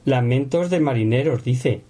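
A man's voice: medium pitch, moderate pace, dark tone. A man teaching a Bible lesson, explaining the text in a conversational way with rhetorical questions.

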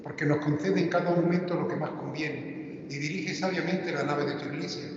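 A man recites the Mass in a steady, solemn voice that sits a little high. His words ring with a long cathedral echo and reach a distant mic. The sound is dull and muffled. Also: moderate pace. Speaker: priest. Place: large church. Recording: echoey church from far off, dull.

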